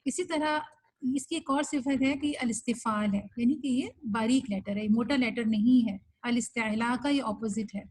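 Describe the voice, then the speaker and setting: A woman with a higher, somewhat husky voice leads an online class. She speaks patiently and step by step, dropping English words into her explanations. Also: darkish tone, low-quality recording. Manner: patient, explanatory, mixes English terms into Urdu. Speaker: Quran recitation teacher.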